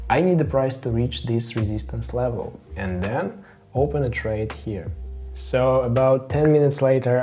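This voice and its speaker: A man's voice: medium pitch, dark tone. A man with a Russian accent, hosting a trading channel and explaining his trades step by step in a methodical voice-over. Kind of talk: screen-recorded trading walkthrough.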